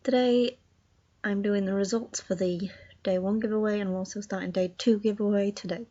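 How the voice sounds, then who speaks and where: A woman chatting casually in a home video while she has the hiccups, reading jokes aloud haltingly and laughing at her own slips. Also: medium pitch, steady tone, warm tone. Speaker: vlogger. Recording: dull lo-fi home recording.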